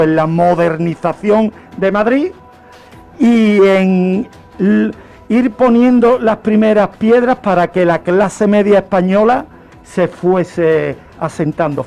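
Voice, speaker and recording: A man presents a history segment on the radio, his voice sitting high with a slightly mellow quality. He tells it like an emphatic lecture, full of rhetorical questions and repetition.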